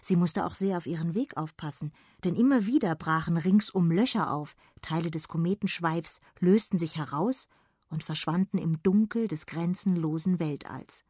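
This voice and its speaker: Low-voiced woman reading a children's story. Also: normal speed, a little mellow, slightly rough, dry recording, clean studio sound. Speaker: audiobook narrator. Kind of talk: scripted narration of a children's story.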